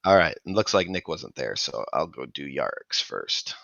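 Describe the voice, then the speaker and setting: A man narrating a tabletop role-playing game as game master, halting, with many fillers and restarts. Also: very deep voice, big pitch swings, gravelly, a bit bright, lo-fi sound.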